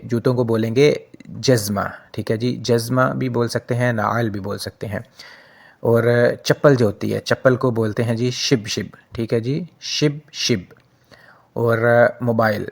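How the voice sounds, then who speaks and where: A man's voice: medium pitch, creaky. Man teaching words, repeating each twice. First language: Urdu. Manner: repeats each word slowly, adds "theek hai ji". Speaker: language teacher. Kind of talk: casual vocabulary lesson.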